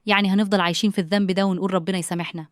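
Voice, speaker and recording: Woman doing a troubled middle-aged egyptian guy, pleading, rattles it off fast, dry sound. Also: mid-range voice, fairly even intonation, no room sound, close to an everyday voice. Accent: Egyptian Arabic. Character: grieving middle-aged man, guilt-torn brother.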